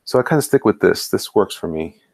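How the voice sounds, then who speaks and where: Drawing live at an indoor tabletop, a middle-aged Bronx artist chats playfully with his stream in a New York accent, rambling and repeating himself. His voice is fairly low, gravelly and darkish, with lively intonation and a brisk pace. No room sound is audible.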